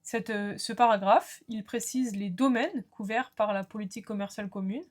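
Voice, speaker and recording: A woman giving a recorded law lecture, explaining terms clearly and speaking to students in short asides. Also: medium pitch, moderate pace.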